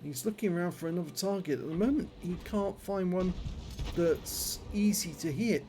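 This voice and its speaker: High-pitched man commentating, numb sore jaw. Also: moderate pace, mellow, a little hiss or hum. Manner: slightly impeded speech from a numb, infected jaw with toothache. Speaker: gameplay commentator. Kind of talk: running commentary on a tank battle video game.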